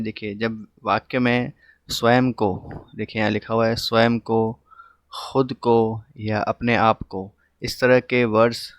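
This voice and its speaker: Man, grammar teacher, low voice, flat delivery, dry close sound, pauses with fillers. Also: no echo. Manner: steady explaining tone with frequent "अ" fillers. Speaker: English teacher. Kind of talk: recorded online grammar lesson in Hindi.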